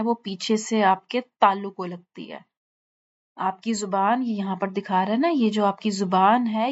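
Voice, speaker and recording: A woman teaches the sounds of Arabic letters in a patient lesson. She sounds out each letter slowly and repeats it, stopping often to check that her students follow. Her voice sits at a middle pitch, and the recording is dull and lo-fi. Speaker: Quran recitation teacher. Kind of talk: online lesson on letter pronunciation.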